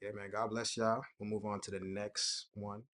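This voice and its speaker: A young man hosting a casual personal talk, relaxed and conversational, often laughing and acting out what others said. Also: lowish voice, normal speed. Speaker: host.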